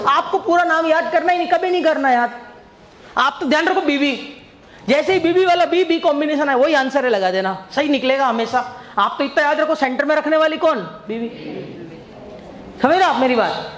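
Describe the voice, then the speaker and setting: A man's voice: very high-pitched, lively intonation, normal speed, fairly bright tone. A male coaching teacher giving an exam-prep biology lecture. He jokes and tells stories, and he keeps quizzing the class with repeated questions. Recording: echoey room, faint background noise.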